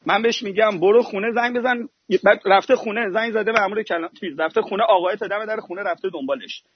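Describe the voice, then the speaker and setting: A man's voice: sits high, slightly rough. A man from Iran calling in to a talk show, arguing hard and telling stories to make his point. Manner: argumentative, tells stories fast. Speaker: caller. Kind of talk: heated call-in chat. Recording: dull dry call-in audio.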